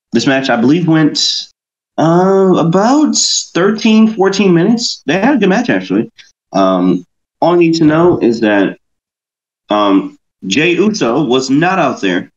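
A man's voice: mid-range voice, muffled recording. A male podcast host who recaps a wrestling match play-by-play, stumbling now and then and correcting himself. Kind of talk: casual wrestling review podcast.

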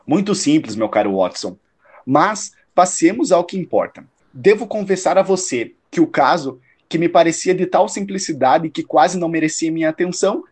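Sounding knowing and assured, a man with a high-ish, breathy-edged voice portrays a shrewd detective in a radio drama. He is analytical, probing and a bit condescending, speaking in a measured way.

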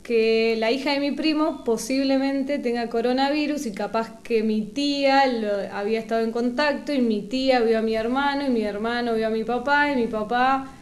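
A young woman telling a story in casual chat, fast and animated, acting out the dialogue. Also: fairly high pitch.

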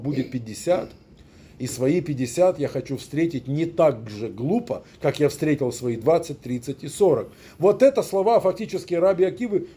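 A man's voice: on the high side, dark tone, husky. A man, a rabbi, giving a conversational lecture, often turning to the listeners with questions.

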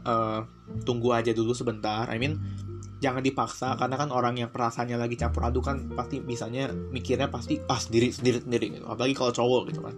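A man hosts a casual podcast, earnest and slangy, slipping English phrases into his talk. His pitch sits at an ordinary middle. Plucked guitar music plays clearly behind him. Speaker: podcast host.

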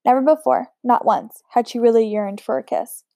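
Woman reading a novel aloud, mellow and dry. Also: fairly high pitch, normal speed, creaky, dry recording. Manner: steady, unpolished reading with occasional slips and restarts. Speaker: audiobook reader.

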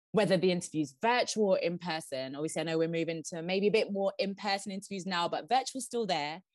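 A woman guest on a podcast giving interview tips, who says she talks fast and laughs now and then. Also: lowish voice, no echo. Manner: fast-talking, laughs often.

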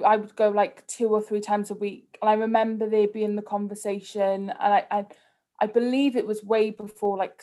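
A woman with a Cardiff accent speaks at a middle pitch in a casual interview. She is candid and conversational, peppering her sentences with "like" as she talks about herself. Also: a little mellow. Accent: Cardiff Welsh. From Cardiff, Wales. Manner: candid, conversational, heavy use of "like". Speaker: podcast guest, influencer. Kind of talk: casual personal interview chat.

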